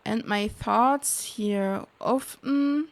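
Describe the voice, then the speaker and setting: A woman streams a game with casual commentary, reading the on-screen text aloud haltingly and sounding puzzled. Her voice is a little high, and she mutters guesses as she goes.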